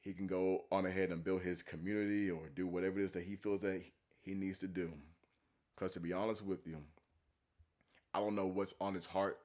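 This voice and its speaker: Low-voiced man giving blunt commentary. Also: little pitch movement, fairly quick, darkish tone. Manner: blunt, profane, preachy. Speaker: commentary video host. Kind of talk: casual reaction commentary.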